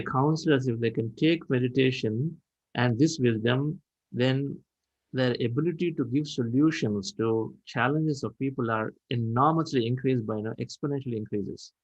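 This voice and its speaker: A man with a medium-pitched voice hosts a meditation session at normal speed, speaking in a reflective, encouraging way with loose, repetitive phrasing in this spiritual talk. The recording sounds muffled.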